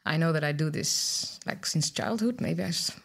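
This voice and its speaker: A woman's voice: sits low, moderate pace, creaky. Dutch-born lady in her fifties, podcast guest, a bit hesitant, laughs at her own slips. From Netherlands. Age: 50s. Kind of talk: conversational interview.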